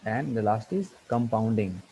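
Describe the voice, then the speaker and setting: Halting male teacher. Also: lowish voice, expressive, gravelly, dark tone, slight background noise, low-quality recording. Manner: halting, many fillers and restarts, spells words out letter by letter. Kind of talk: online English grammar lecture.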